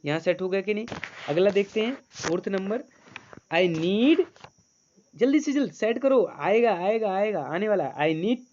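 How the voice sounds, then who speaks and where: A man's voice: high-pitched, animated, a little mellow, a little hiss or hum. Male teacher coaxing students. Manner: coaxing, repeats phrases, reads English sentences slowly. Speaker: English teacher. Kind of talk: online grammar class. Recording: dull lo-fi sound.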